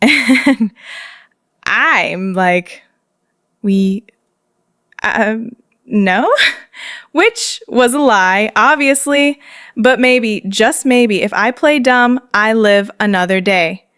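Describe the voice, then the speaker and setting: A woman's voice: on the high side, takes it slowly, a bit bright, smooth, no echo, studio quality. A young woman telling a story to her viewers in a chatty, dramatic vlog style, laughing often and using casual slang. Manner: slangy, addresses viewers directly. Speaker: storytime narrator.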